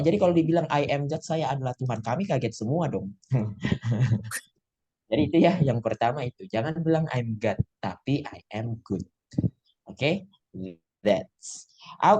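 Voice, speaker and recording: A man's voice: mid-range voice, dark tone, dull audio. A man with an Indonesian accent teaching English in a casual online lesson, chatty and joking as he mixes two languages.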